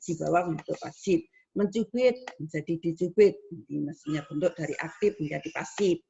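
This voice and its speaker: A woman university lecturer teaching students, explaining step by step and acting out spoken examples. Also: lowish voice. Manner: explains slowly with spoken examples, rising on questions. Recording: dull lo-fi recording with faint noise.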